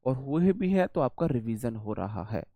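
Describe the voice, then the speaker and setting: A man's voice: mid-range voice, big pitch swings, moderate pace, warm tone, dry recording. A man teaching English vocabulary in a live online class, chatty and repeating words while he explains memory tricks and answers the chat.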